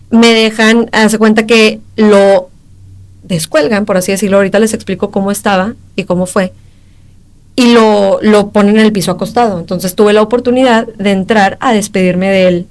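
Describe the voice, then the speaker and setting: A young woman with a Mexican accent, a podcast guest giving an emotional personal testimony in halting speech, acting out the exchanges she recalls. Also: medium pitch. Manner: emotional, halting retelling that acts out quoted exchanges.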